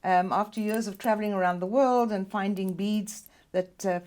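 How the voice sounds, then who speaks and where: An older woman with a South African accent, a film editor and producer, appears as a guest in a casual interview, chatting easily and telling stories. She laughs readily, and her medium-pitched voice is steady, darkish in tone, and moderately paced.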